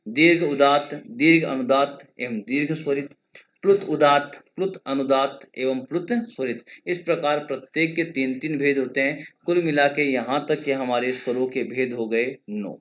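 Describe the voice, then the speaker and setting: A male lecturer teaching Sanskrit grammar in a measured, explanatory way, stretching vowels to show their lengths and chanting grammar rules slowly. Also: medium pitch, a bit bright, highs cut off. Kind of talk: exam-prep grammar lesson.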